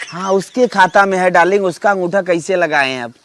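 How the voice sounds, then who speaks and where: A man's voice: sits high, brisk, noisy background, natural voice. A man with an Awadhi accent, acting a broke village husband who pleads and whines in a rustic comedy sketch. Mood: pleading. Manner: pleading, whiny. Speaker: comic actor.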